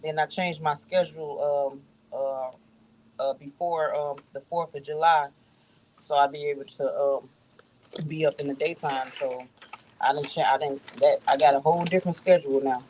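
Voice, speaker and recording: A woman vlogger with a low, darkish voice chats casually to her viewers outdoors, rambling with lots of fillers and easy, frequent laughter. Her intonation is fairly even and her pace moderate, on poor audio with slight background noise.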